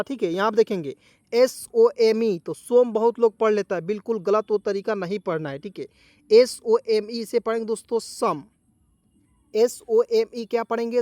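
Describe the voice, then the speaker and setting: A man's voice: sits high, a little mellow, no room sound, studio quality. Man drilling English spellings in Hindi. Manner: drills words, repeats questions to viewers. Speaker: English teacher. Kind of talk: Hindi-language spelling lesson.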